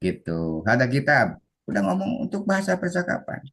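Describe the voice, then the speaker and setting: A man from West Java, giving an animated Arabic teacher-training lecture over a video call. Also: medium pitch, moderate pace. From West Java, Indonesia. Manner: animated, acts out students' voices. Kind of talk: online class lecture.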